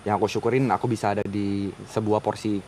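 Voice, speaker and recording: A man, a guest in a casual interview, speaking reflectively and pausing often to search for words. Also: lowish voice, little pitch movement, darkish tone, a little hiss or hum, rough recording. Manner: reflective, hesitant with many fillers.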